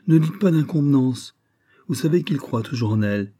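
A man puts on a gossipy wealthy hostess for a storybook reading, her voice lifted a touch higher than his own and full of emphatic, confiding asides. The tone stays dark and husky underneath. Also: animated, moderate pace. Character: chatty wealthy society hostess, woman, middle-aged. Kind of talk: audiobook character reading.

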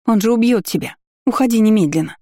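A man's voice: high-pitched, quick pace, dark tone, husky, no room sound, clean studio sound, pitched above the performer's own voice. A man voicing a fiery, frightened young woman heroine who cries out and pleads in an audiobook. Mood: alarmed. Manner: raised, pleading outcries.

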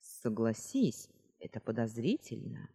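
Woman reads calm male dragon, measured explainer, breathy, hall reverb. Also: rumbling low, voice pushed down, heavily acted. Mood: reasoning. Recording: roomy reverb.

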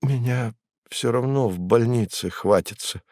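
A man voicing a weary, gentle male writer who speaks softly and hesitantly. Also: lowish voice, a little slow, gravelly, no echo, studio quality. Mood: hushed. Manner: soft, hushed, hesitant.

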